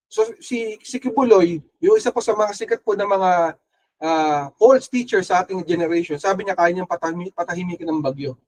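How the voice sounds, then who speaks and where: A man's voice: high voice, brisk, darkish tone, poor audio. A young adult Filipino man preaching a sermon as pastor, mixing Tagalog and English and acting out voices from the story. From Philippines. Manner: switches between Tagalog and English, acts out quoted voices.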